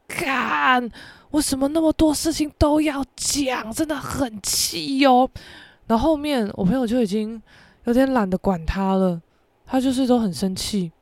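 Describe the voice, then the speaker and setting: A woman podcast host, telling a story in a casual, animated, profane way. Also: sits high, no room sound. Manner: animated, profane, acts out quoted voices.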